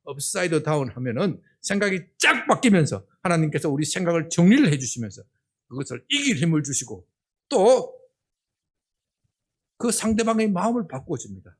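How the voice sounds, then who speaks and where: An older man with a Gyeongsang accent preaches from a church pulpit. His voice sits high for a man and swoops up and down with lively expression. He jokes and keeps prodding the listeners for a response. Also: moderate pace, breathy edge. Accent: Gyeongsang Korean. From Gyeongsang region of Korea. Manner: animated, humorous, keeps asking the congregation "예?". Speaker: senior pastor. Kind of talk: sermon. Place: church sanctuary.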